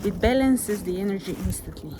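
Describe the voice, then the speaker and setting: On an outdoor nature walk, a woman with a Slovenian accent holds her camera and gives a gentle, reflective motivational monologue in her second language, English, at times searching for words. Her mid-range voice is brisk with lively intonation, over a noisy background.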